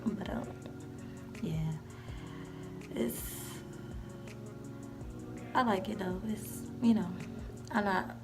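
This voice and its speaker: A woman's voice: medium pitch, extremely slow, pauses often. A woman of twenty giving a casual, rambling vlog tour, full of "like" and "you know". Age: 20s. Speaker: vlogger. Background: background music.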